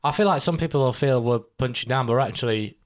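A young man co-hosting a podcast rambles through a casual chat, swearing and laughing as he goes. He talks fast at a medium pitch.

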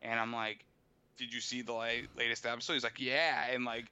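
A man in his twenties chatting casually, telling long stories in a relaxed, talkative way. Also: mid-range voice, a little fast, clean tone. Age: 20s. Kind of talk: casual chat.

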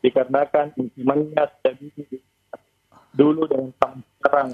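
A man's voice: medium pitch, level tone, breathy edge. A man calling in with a question, his phone audio breaking up and cutting out between phrases. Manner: halting, broken-up phrasing. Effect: choppy, cutting-out phone audio. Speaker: caller asking a question. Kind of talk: call-in question to a religious teacher. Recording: tinny distant phone line.

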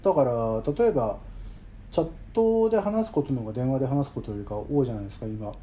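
A man talking as a guest musician in an interview, thoughtful and measured, with frequent hedging fillers. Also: mid-range voice, lively intonation, warm tone, highs cut off, slight background noise. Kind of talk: reflective conversational interview.

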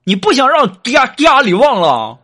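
A joke-telling man puts on a short-tempered husband who bullies his wife. He yells high and loud, stretching each mocking question out slowly. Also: wildly swooping pitch, noisy background, heavily acted. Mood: angry. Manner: shouting, slow and mocking.

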